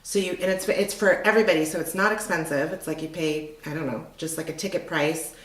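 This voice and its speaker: A woman's voice: on the low side, fairly even intonation, fast talker. Chatty middle-aged woman, echoey room. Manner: chatty, rambling, lots of fillers. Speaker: restaurant owner. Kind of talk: casual interview conversation.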